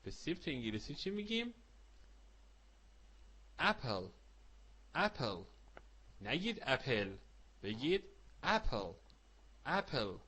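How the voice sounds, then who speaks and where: A man teaching a children's language lesson, repeating each word slowly and asking the listener questions, then praising the answers. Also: fairly high pitch, sing-song, bright, forceful tone, breathy edge.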